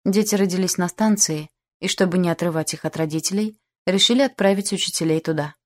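A woman voicing a calm, measured ship captain. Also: on the low side, lightly acted. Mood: businesslike.

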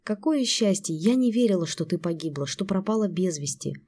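A woman's voice: fairly low pitch, animated, fairly quick, a little mellow, breathy edge. A woman reading the lines of a tearful, emotional young woman who speaks in a shaky voice.

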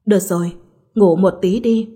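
Woman narrator reading doting young husband, soft coaxing storybook voice. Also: medium pitch, fairly even intonation, moderate pace, slightly rough, natural voice. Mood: tender.

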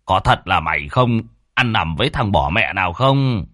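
A man's voice: sits low, lively intonation, moderate pace, a bit bright, dry recording, studio quality. A man voicing a harsh, scolding middle-aged village chief.

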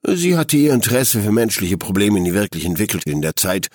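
A man reads a story aloud calmly and evenly. His voice is low and husky, recorded dry and close without room echo. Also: brisk. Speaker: narrator. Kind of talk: audiobook narration.

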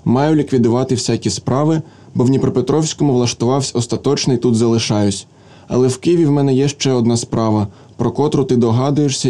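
A man's voice: medium pitch, dark tone, lightly acted. A man reading a story aloud, voicing a letter from a stubborn young male engineer in an earnest, insistent tone.

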